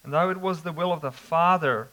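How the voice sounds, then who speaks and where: A man preaching an expository sermon, slow and emphatic with dramatic pauses. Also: fairly high pitch, fairly bright tone, poor audio.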